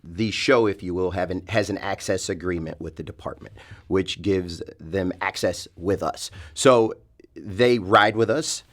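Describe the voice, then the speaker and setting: Low-voiced man explaining as department spokesman. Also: measured pace, fairly bright tone. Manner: explanatory, frequent hedging asides. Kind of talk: conversational interview answers.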